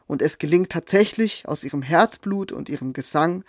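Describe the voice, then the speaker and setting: A man telling a fairy tale in a gentle, measured storytelling manner. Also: fairly high pitch, dry recording, clean studio sound. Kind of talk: scripted storytelling.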